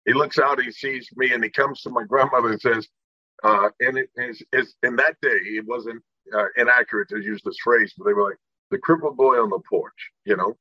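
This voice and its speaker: A man's voice: medium pitch, steady tone, brisk, sharp tone, no room sound, muffled recording. A middle-aged man from Indiana, a guest telling his life story earnestly and acting out the people in it. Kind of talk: personal storytelling in an interview.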